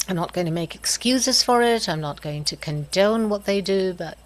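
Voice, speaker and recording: A middle-aged woman speaking in a halting, reflective way, pausing often and letting out soft laughs and sighs. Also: mid-range voice, lively intonation, rough recording. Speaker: host of a reflective video series. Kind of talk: slow personal reflection.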